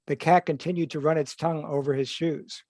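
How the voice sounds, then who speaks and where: A male author reading from his own novel in a measured, even way, now and then correcting himself. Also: fairly high pitch, no echo. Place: livestream reading.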